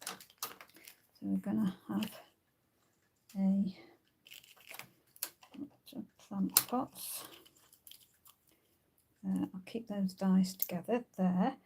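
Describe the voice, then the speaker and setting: A woman's voice: medium pitch, steady tone, extremely slow, vocal fry, pauses often, warm tone, slight background noise. A woman hosting a craft tutorial, thinking aloud as she works, with frequent ums and uhs. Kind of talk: casual crafting demonstration.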